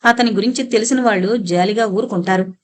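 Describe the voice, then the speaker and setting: Woman reader doing a serious calm guy, slow and solemn, audio novel. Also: high-pitched, close to an everyday voice. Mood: grave. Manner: solemn, measured. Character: grave, calm middle-aged local man.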